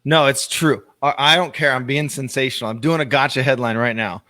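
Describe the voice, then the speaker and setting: A man co-hosting a casual real estate livestream, blunt and playfully sensational, quick to interrupt. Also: medium pitch, steady tone, bright, forceful tone, no room sound, clean studio sound. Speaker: co-host of a real estate show.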